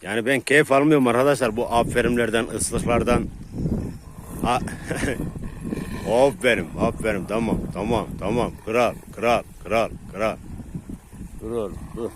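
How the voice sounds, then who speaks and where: A man filming his dogs outdoors, talking casually to his viewers and calming the dogs with repeated words. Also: mid-range voice, unhurried, pauses often, background noise. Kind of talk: casual vlog commentary to viewers. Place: outdoors in a rural area.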